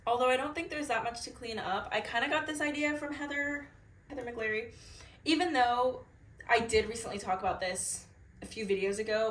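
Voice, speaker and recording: A woman's voice: medium pitch, fairly bright tone, roomy sound, slight background noise. A young woman, chatting bubbly and casually about books in a reaction vlog. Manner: bubbly, chatty, filler-heavy. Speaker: book vlogger.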